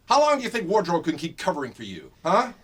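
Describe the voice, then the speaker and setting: A man's voice: high-pitched, huge pitch swings, quick pace, background noise. An actor playing a stern man in charge of a film set who firmly scolds a star in a film drama. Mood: reproachful. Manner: firm and reproachful.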